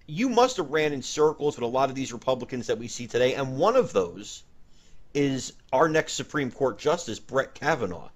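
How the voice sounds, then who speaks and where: A man hosting a comedy sketch, talking in an emphatic, mock-indignant way. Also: a little high. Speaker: comedy show host.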